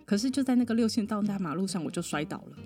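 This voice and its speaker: Lively woman telling a story. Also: medium pitch, very fast, faint music behind. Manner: lively storyteller, laughs often, mimics other people. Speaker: podcast guest, psychologist. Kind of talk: personal storytelling in a podcast interview.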